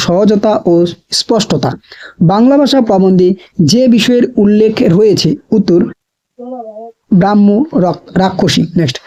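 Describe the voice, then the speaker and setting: A man teaching, reading exam questions and their answers aloud in a brisk, repetitive quiz drill and checking that students follow. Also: high voice, mellow, dull audio. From West Bengal, India.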